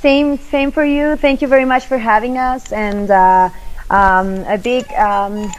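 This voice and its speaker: A woman with a Spanish accent and a fairly high voice, guesting on a radio show. She speaks haltingly, trips over her words and giggles. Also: fairly even intonation, rough recording. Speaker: band member, guest. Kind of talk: casual radio interview.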